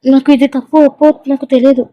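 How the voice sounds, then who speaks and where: A woman's voice: high-pitched, little pitch movement, quick pace, no room sound, lo-fi sound, natural voice. A woman reading a pleading young woman. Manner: pleading and earnest. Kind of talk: audio story reading.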